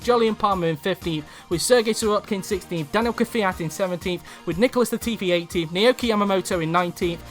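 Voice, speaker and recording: A man commentating a sim racing league race, calling overtakes with rising excitement and then reading out the results. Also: high-pitched. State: out of breath.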